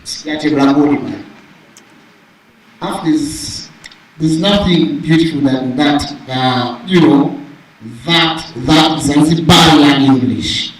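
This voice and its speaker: Echoey Tanzanian man hosting a live ceremony. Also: a little high. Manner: playful, informal, with call-and-response. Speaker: master of ceremonies. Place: large echoing hall at an event. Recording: echoey hall, distant mic, faint noise.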